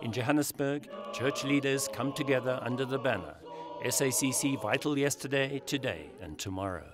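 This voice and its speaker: A man reading scripted documentary narration in a measured, grave, low-toned voice. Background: loud music score.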